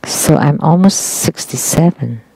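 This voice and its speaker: A woman interprets a religious teaching live, in a low, dark, gravelly voice. She speaks slowly, in short measured phrases with pauses between them. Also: rough recording. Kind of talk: live interpretation of a dharma talk.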